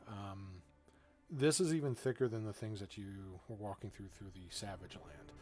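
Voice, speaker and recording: A man narrating a tabletop game as game master, improvising haltingly with pauses mid-sentence. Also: on the low side, a little mellow, soft background music.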